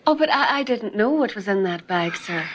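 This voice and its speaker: A woman playing a naive, earnest angel in a TV drama, innocent and halting. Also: medium pitch, lively intonation, lightly acted. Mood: flustered, earnest. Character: naive, earnest female angel stuck in human form. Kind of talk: TV drama acting. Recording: faint background noise.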